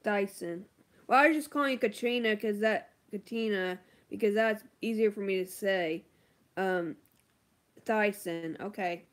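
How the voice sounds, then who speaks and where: A woman's voice: mid-range voice, normal speed. A woman beauty vlogger chatting casually on a livestream, answering viewer comments with lots of ums and likes.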